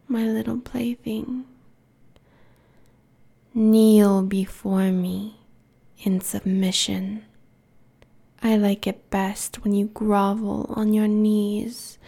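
A woman voicing a cruel, domineering immortal queen in a hushed, breathy whisper, slow and menacing. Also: a little high, heavily acted. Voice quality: breathy whisper with gravelly fry. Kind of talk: whispered audio roleplay.

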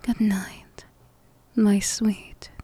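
A woman whispering in a soft, affectionate, soothing manner in a comfort roleplay. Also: medium pitch, little pitch movement, very slow, slightly rough, no echo. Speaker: ASMR roleplay performer.

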